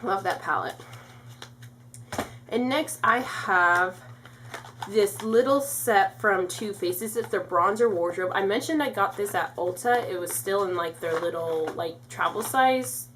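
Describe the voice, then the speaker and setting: A woman's voice: medium pitch, unhurried, fairly bright tone, a little hiss or hum. A young woman reviewing her favorite beauty products in a chatty way, full of "like", congested and a bit out of breath. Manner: chatty, lots of "like" fillers. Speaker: beauty vlogger.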